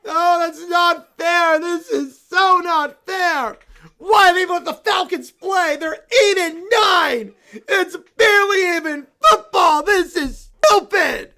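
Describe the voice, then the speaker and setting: A woman voices a little bear boy in a full, whiny tantrum, high and loud, wailing and shouting through tears. His voice climbs shrill, cracks with sobs, and stretches out words; it's gravelly and exaggerated, with lively intonation, a slow pace, and hardly any pauses.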